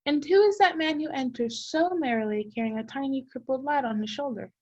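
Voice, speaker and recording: Woman as high-voiced, commanding Ghost of Christmas Present. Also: brisk, darkish tone, highs cut off, close to an everyday voice. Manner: declamatory, commanding. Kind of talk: radio play acting.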